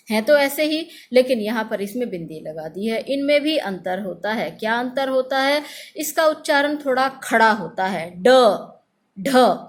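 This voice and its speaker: A middle-aged woman teaches a grammar lesson in a fairly high voice. She drills the letters one by one, loud and slow, so her pupils can repeat after her. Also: a little hiss or hum.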